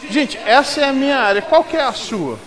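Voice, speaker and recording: A man from Rio de Janeiro with a Carioca accent, preaching a sermon as pastor, emphatic and rising to loud outbursts. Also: extremely high pitch, expressive, fairly quick. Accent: Carioca Brazilian Portuguese. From Rio de Janeiro, Brazil. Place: church sanctuary.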